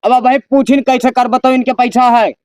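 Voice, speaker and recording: A man's voice: very high voice, steady tone, moderate pace, a little mellow, clean tone, no room sound, clean studio sound. A man playing a defiant young village drunkard who talks back like a town drunk, with an Awadhi accent, in an amateur comedy sketch.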